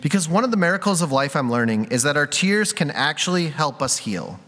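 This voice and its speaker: A man with a bright, forceful, slightly high voice preaching a sermon. He tells a personal story in a candid, confessional way and laughs at himself. A long reverb from a big hall trails behind him. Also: very animated, brisk. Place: church sanctuary.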